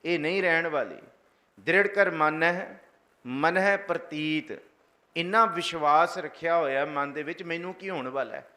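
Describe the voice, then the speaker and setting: A man preaching a sermon, slowly reciting verses and then explaining them, leading the congregation in chanting. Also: on the high side, bright, forceful tone. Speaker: Sikh preacher giving scripture commentary.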